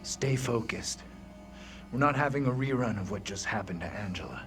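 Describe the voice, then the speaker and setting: An actor playing a steady, protective male survivor in a horror video game, serious and controlled. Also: mid-range voice, moderate pace, music in the background, close to an everyday voice. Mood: reassuring, firm. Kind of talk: cinematic video game acting.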